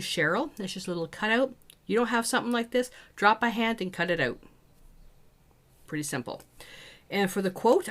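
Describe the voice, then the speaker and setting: A woman walking viewers through a small mixed-media art project, chatting as she works. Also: medium pitch. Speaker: art teacher. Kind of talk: casual craft tutorial.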